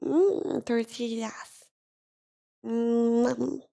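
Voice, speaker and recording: A woman's voice: a little high, flat delivery, drawn-out words, creaky, mellow. A woman streaming live, chatting casually and thanking viewers, tired and emotional, close to tears.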